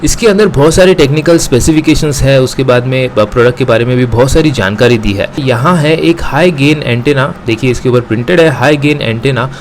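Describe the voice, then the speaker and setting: The host of a gadget review channel, a man with an Indian accent, narrates an unboxing and product review, walking viewers through it step by step and slipping into English phrases. His mid-range voice moves fairly quickly with few pauses, over a little hiss or hum.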